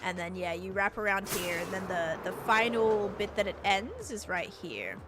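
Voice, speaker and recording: A young Australian woman, a little congested, chats casually on a live stream and reads chat aloud in a rambling way. Her mid-range voice is expressive at a normal speed, with background noise and music playing underneath.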